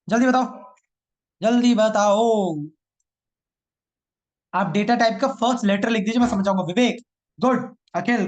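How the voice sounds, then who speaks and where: A man teaching a live online programming class, teasing his students and repeating each line twice. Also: extremely high pitch.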